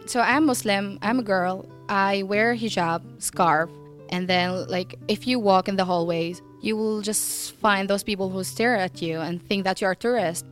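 A woman's voice: mid-range voice, normal speed, faint music behind. A teenage girl from Syria whose first language is Arabic, speaking earnestly and directly in an interview. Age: teens. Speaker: student interviewee. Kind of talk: interview testimony.

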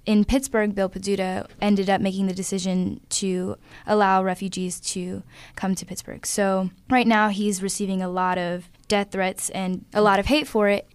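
A woman's voice: mid-range voice, clean tone, no room sound. A teenage girl co-hosting a youth radio show in a studio, reading a prepared story and then discussing it earnestly. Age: teens. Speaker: student co-host. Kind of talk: scripted news segment and discussion.

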